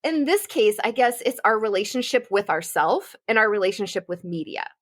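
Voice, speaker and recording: A woman's voice: mid-range voice, brisk. A woman co-hosting a pop culture podcast, talking in a casual, fired-up and profane way. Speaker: podcast co-host.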